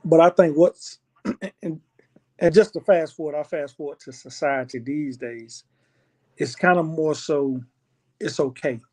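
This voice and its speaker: Husky-voiced laid-back man co-host. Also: a little high, unhurried, pauses often, darkish tone, poor audio. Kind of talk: casual live-stream talk.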